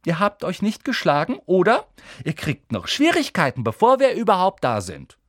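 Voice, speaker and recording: A haughty schoolgirl lectures in a raised, prim voice, as a male narrator puts her on. Her tone is lively and scolding, recorded dry and close for an audiobook. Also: high-pitched, moderate pace, no echo, voice pushed up, full character voice. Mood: bossy. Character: bossy know-it-all schoolgirl.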